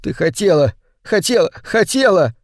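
A man voicing a terrified man crying out in the dark. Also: fairly high pitch, very animated, slow pace, no room sound, clean studio sound, exaggerated voice. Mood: sobbing panic. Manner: frightened pleading shouts.

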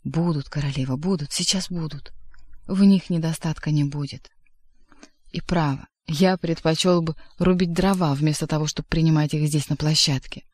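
A sly, fawning demon courtier , as an audiobook reader puts him on, low and confiding. He speaks with ingratiating courtesy, dropping his voice below the reader's own, in a dry close recording. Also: fairly even intonation, normal speed, no echo, close to an everyday voice. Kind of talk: audiobook reading.

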